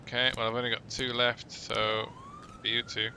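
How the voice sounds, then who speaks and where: A man's voice: medium pitch, little pitch movement, moderate pace, background noise. A man playing a police management game, reading its dialogue and event text aloud with dry asides. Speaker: gaming YouTuber.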